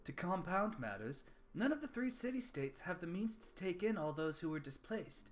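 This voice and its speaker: A man voicing a measured, grave quest-giving advisor with stately, formal phrasing in a tabletop game. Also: high voice, very animated, pitched above the performer's own voice.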